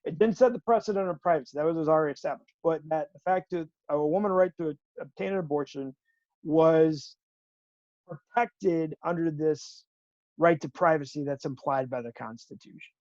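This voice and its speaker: A teacher lecturing an online class over a video call that keeps breaking up, talking haltingly with many fillers and restarts. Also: medium pitch, darkish tone, dry recording, lo-fi sound. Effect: choppy video call audio, connection dropping out.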